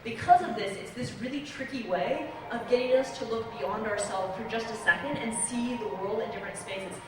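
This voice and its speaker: A woman's voice: a little high, a little fast. A young woman from Belgium speaking on a comics convention panel, explaining earnestly with many fillers. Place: convention hall. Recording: echoey hall, distant mic, noisy.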